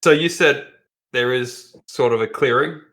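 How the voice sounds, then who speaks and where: A man's voice: medium pitch, a little slow, fairly bright tone. A man playing a tabletop role-playing game, speaking in a matter-of-fact, slightly wry way. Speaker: player.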